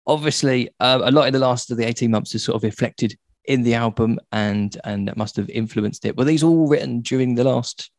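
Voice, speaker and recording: A man's voice: mid-range voice, fairly quick, few pauses, darkish tone, no room sound. Enthusiastic male radio interviewer, dry sound. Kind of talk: casual chatty interview.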